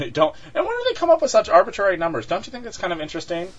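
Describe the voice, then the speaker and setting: A man's voice: high-pitched, huge pitch swings, rapid-fire. A man co-hosting a podcast in casual chat, talking with many fillers and restarts and laughing often. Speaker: podcast co-host. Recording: dull lo-fi sound.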